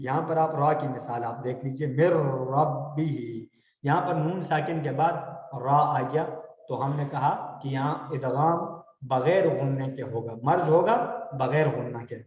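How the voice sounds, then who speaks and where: A man teaching Quran recitation rules, slowly drawing out example words for students to repeat. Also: on the high side, darkish tone. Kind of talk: tajweed lesson with call-and-response recitation. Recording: echoey hall, dull lo-fi sound.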